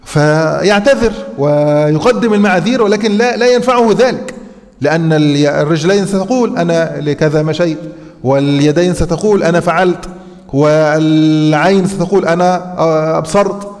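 A man with an Egyptian Arabic accent, a sheikh giving a classroom lecture on scripture, who explains by posing rhetorical questions and pauses often on hesitant fillers. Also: a little high, a little mellow. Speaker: sheikh teaching Quran commentary. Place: mosque lecture hall. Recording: long reverberant hall.

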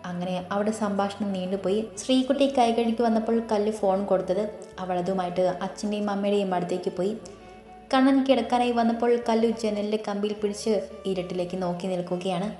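A woman narrating a romantic audiobook in a steady storytelling manner. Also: medium pitch. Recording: roomy, faint background music.

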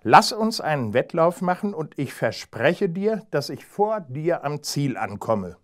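A crafty, stubborn storybook hedgehog who speaks calmly and a little grumpily, voiced by a man reading aloud. He talks slowly, with a lively rise and fall. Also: fairly high pitch, pitched above the performer's own voice. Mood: scheming. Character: clever, stubborn male hedgehog.

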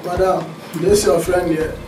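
A man's voice: sits high, steady tone, moderate pace, lightly acted. A man playing a blunt, cheeky house servant in a comedy drama. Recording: echoey, distant mic, loud music.

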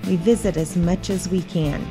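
A woman's voice: fairly low pitch, steady tone, normal speed, music in the background. A middle-aged American woman hosting a travel vlog from inside a car, asking friendly, curious questions. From United States. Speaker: vlog host. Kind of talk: casual travel vlog, interviewing. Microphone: camera on dashboard.

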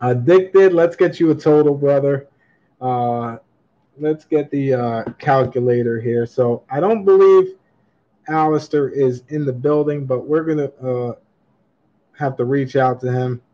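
Off camera in an indoor room at a table of coins, a man hosts a coin auction livestream, chatting casually and upbeat, reading chat comments aloud and laughing often. His mid-range voice is warm and unhurried, captured in slightly dull lo-fi webcam audio.

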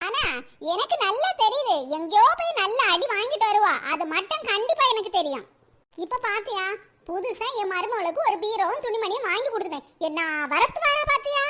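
A shrill meddling village auntie. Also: expressive, brisk, sharp tone, exaggerated voice. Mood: scheming. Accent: Kanyakumari Tamil. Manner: nosy, scheming, mock-sympathetic. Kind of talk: cartoon comedy voice acting.

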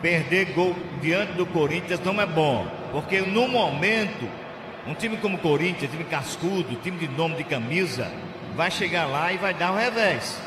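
High-pitched Brazilian male football analyst. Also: lively intonation, moderate pace. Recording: noisy, echoey live stadium recording.

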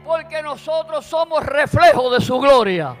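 A man with a Puerto Rican accent preaching a sermon in a church, fervent and building to shouted praise. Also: very high-pitched, lively intonation, unhurried. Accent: Puerto Rican Spanish. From Puerto Rico. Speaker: pastor. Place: church sanctuary. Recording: long church reverb with instrumental music.

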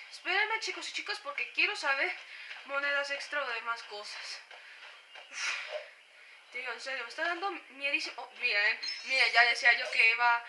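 A woman with a Spain Spanish accent gives let's play commentary in a very high voice, jumpy and quick to cry out for help. Her voice sits over a noisy background. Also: pushed and bright. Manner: jumpy, exclaims nervously and cries for help. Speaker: gaming channel host.

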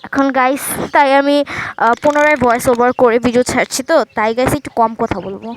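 A woman doing chatty voice-over commentary on a game, talking quietly into an earphone mic at home so she won't wake anyone. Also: a little high, a little fast, slight background noise. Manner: talks quietly so as not to wake her sleeping parents; chatty, keeps addressing viewers. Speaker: gaming channel host. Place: room at home at night. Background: game music.

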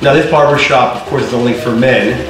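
A man's voice: medium pitch, quick pace. A man in his thirties, a TV host, chatting casually and boastfully on camera in a large barber shop. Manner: boastful, playful showman. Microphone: far camera mic. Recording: echoey room, far from mic.

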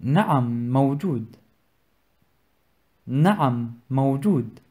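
A man's voice: medium pitch, expressive, normal speed, darkish tone, slightly rough. A man with a Levantine Arabic accent reading short example phrases for a language lesson.

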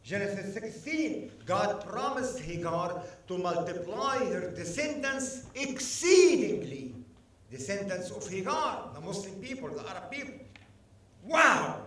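Animated male preacher in an echoey church. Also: sits high, measured pace, a little hiss or hum. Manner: animated, emphatic, calls on congregation to respond. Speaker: guest preacher. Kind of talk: sermon. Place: church sanctuary. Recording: echoey church hall, mic at a distance.

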